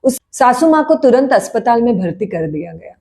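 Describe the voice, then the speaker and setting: A woman narrating a family story in a plain, unhurried storytelling manner. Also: on the high side, very animated, dark tone.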